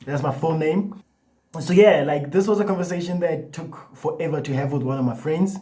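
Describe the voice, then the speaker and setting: With a warm, somewhat high voice at a moderate pace, a young vlogger chats casually on camera. A stutter leads to repeated words and restarts, and his relaxed speech leans heavily on "like" and "you know."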